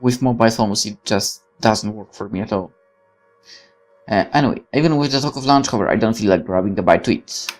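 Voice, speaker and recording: Reading visual novel text at a brisk clip, a woman speaks in an extremely low, slightly mellow voice over soft background music. The let's player adds candid side commentary, opinionated and exclamatory, with plenty of free swearing.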